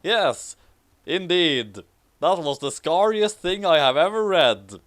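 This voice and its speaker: Someone with a mid-range, slightly bright voice and lively intonation reads fan fiction aloud slowly. It's a dramatic amateur reading, with casual commentary delivered in a theatrical, mock-serious way.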